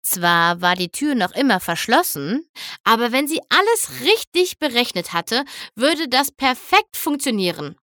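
A woman narrating a children's storybook aloud in a lively, expressive way. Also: fairly high pitch, measured pace, no echo, clean studio sound. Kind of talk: scripted audiobook narration.

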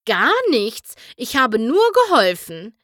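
A woman's voice: fairly high pitch, sing-song, takes it slowly, a bit bright, no echo, studio quality, full character voice. A woman reading aloud and voicing a mischievous male chaos creature who talks in a teasing, mock-innocent way. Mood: smug teasing.

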